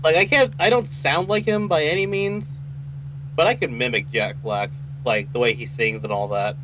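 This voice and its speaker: During gameplay, a man chats casually at normal speed in a slightly high voice, rambling and often restarting sentences. The recording is noisy with hum.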